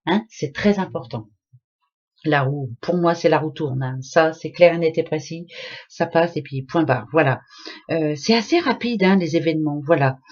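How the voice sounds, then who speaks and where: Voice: medium pitch, darkish tone, slightly rough, dull audio. A tarot card reader giving a casual, chatty astrology reading in French, padding every phrase with hein and voilà and repeating key words for emphasis.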